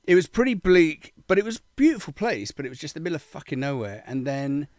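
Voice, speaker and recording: A man's voice: a little high, fast, dry recording. Swearing Englishman telling stories, dry sound. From born in Zambia, raised in Cornwall, England. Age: 50s. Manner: swearing, animated storytelling with acted quotes. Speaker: guest. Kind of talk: casual interview chat.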